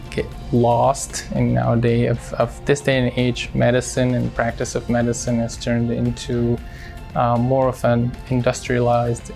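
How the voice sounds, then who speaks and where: A man from Syria, a cardiologist speaking in a hospital profile interview, measured and halting with many fillers. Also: medium pitch, gravelly, darkish tone.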